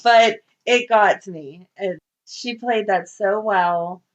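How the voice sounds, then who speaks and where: Chatty woman podcast co-host, dull audio. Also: mid-range voice. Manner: chatty, opinionated, acts out characters' lines in quick asides. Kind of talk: casual chat.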